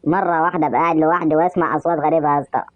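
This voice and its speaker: A woman's voice: sits low, steady tone, very fast, no echo, close to an everyday voice. A woman voicing a moody, touchy young man in an Egyptian cartoon, speaking with an Egyptian Arabic accent in a sulky, complaining way. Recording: dull, dry lo-fi sound.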